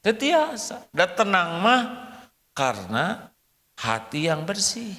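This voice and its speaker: Older man, Sundanese accent, preacher, unhurried delivery, joking sermon, echoing hall, faint room noise. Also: high-pitched, wildly swooping pitch, pushed and bright. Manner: joking, acts out husband and wife voices. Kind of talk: humorous sermon to a congregation.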